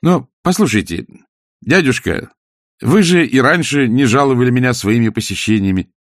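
A man's voice: mid-range voice, expressive, normal speed, no room sound, clean studio sound, pitched above the performer's own voice, lightly acted. A man voicing a cheerful young nephew who speaks up in a raised, exclaiming voice. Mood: earnest.

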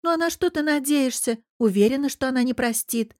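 A woman voicing a jealous, spiteful young woman, high and pouty. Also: fairly quick, darkish tone, no room sound, studio quality, close to an everyday voice. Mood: pleading, provoking. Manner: sulky, purring and spiteful. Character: jealous scheming young woman, pouting, taunting. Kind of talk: audiobook character reading.

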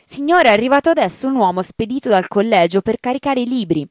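A woman's voice: a little high, expressive, quick pace, dry recording, studio quality, voice pushed up, close to an everyday voice. A woman voicing a timid housemaid who stammers and apologizes nervously. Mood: flustered. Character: timid, flustered female housemaid.

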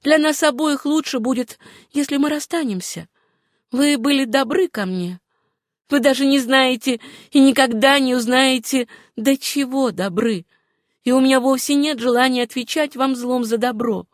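A woman reading an audiobook voices a gentle, wistful young woman with a hard past, speaking softly. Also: high-pitched, normal speed, no room sound, clean studio sound, pitched above the performer's own voice, natural voice.

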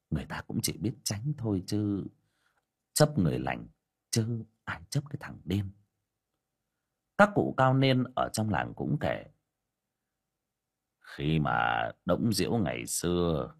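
A man reads an audiobook folk tale with a husky, slightly low voice. His pitch swings widely as he leans into the telling, colloquial and vivid. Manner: storytelling with lively emphasis, colloquial. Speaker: narrator. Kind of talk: audiobook story narration.

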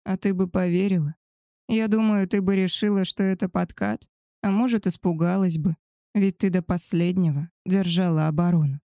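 A woman voicing a male werewolf alpha, a tender and possessive lover, in a soft, husky murmur for an audiobook. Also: fairly low pitch, steady tone, moderate pace, no echo, clean studio sound, lightly acted. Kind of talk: audiobook character voice.

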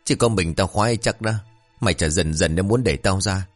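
A man's voice: low voice, brisk, faint music behind. A man voicing a nosy, dim-witted young sidekick who blurts out cheeky remarks.

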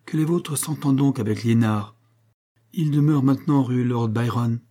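A man's voice: medium pitch, moderate pace, mellow, close to an everyday voice. A man reading aloud as a proud, wronged man who answers with defiant scorn.

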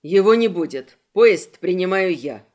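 A woman voicing a panicky, pompous young male mage who shouts in frantic bursts. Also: on the low side, lively intonation, moderate pace, voice pushed down, natural voice. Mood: frantic, indignant.

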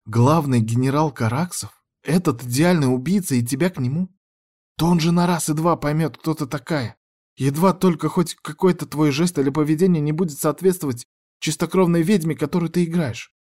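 A man's voice: fairly high pitch, a little fast, a little mellow, voice pushed up, lightly acted. A man voicing an earnest, concerned young sylph woman. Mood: worried.

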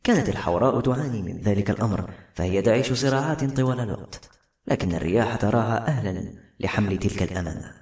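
A man narrating a novel in a brisk storytelling manner. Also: lowish voice, a little mellow. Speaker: audiobook narrator. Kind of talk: scripted narration. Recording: roomy echo, faint music.

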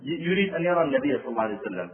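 A man telling a story in a sermon, animated and acting out the voices of the people in it. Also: medium pitch, very fast, echoey room, far from the mic. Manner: animated, acts out the quoted voices, breaks into explanation. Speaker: preacher. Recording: tinny phone-like line.

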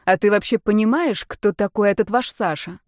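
A woman reading the lines of a direct, sharp-witted young woman who asks crisp, teasing questions in an audiobook. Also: mid-range voice, normal speed, no echo, studio quality, natural voice. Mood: sceptical.

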